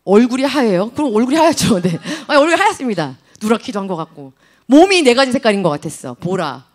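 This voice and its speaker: A woman in her thirties preaching a sermon to teenagers in a church service, animated and full of questions to the students. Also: medium pitch. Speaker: youth ministry preacher.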